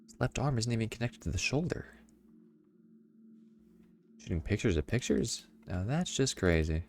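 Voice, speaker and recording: Low, gravelly game streamer. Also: male voice, moderate pace, slight background noise. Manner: wry, deadpan quips. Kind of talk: casual gameplay commentary.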